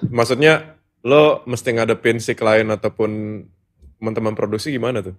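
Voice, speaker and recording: A man's voice: on the low side, fairly even intonation, moderate pace. A man with a Jakarta accent hosting a casual interview and asking questions. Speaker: host, interviewer.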